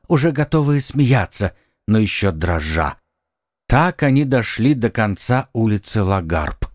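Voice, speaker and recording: Brief: male audiobook narrator; measured, expressive, dry studio read. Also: medium pitch, dry recording. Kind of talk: scripted narration.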